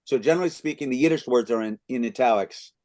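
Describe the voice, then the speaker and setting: A man's voice: medium pitch, fast, a little mellow. A man in his fifties from the United States, hosting a book club and answering questions thoughtfully, with frequent restarts. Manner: reads excerpts aloud. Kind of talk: literary discussion, answering questions.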